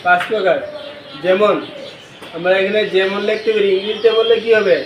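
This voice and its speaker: A man's voice: sits high, steady tone, brisk, a little hiss or hum. A male teacher leading a classroom lesson, questioning the class and spelling words letter by letter. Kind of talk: classroom lecture with call-and-response. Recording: echoey classroom from a distance.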